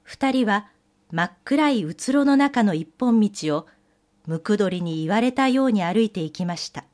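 A woman telling an old fairy tale in gentle storybook narration with old-fashioned polite phrasing. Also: mid-range voice, expressive, moderate pace.

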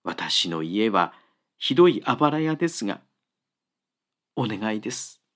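A man's voice: lowish voice, big pitch swings, a little slow, fairly bright tone. A man voicing an earnest, humble woodcutter who speaks politely and urgently, begging a traveller to come with him. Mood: pleading. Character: anxious earnest male woodcutter, humble and pleading.

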